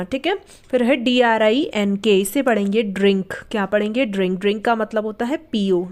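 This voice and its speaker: A Hindi-speaking woman teaching vocabulary, spelling each word letter by letter and asking questions she then answers herself. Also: a little high. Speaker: English teacher. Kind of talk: spoken vocabulary lesson.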